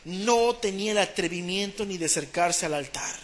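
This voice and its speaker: A man with a Mexican Spanish accent preaching a sermon, swinging between hushed pleading and loud, fervent repetition. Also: high voice, moderate pace.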